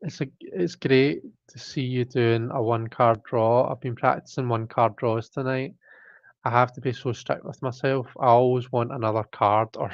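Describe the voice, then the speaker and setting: Reading chat during a live stream, a man with a mid-range voice and vocal fry rambles casually, full of fillers and restarts, his throat repeatedly catching. The audio is dull with no echo.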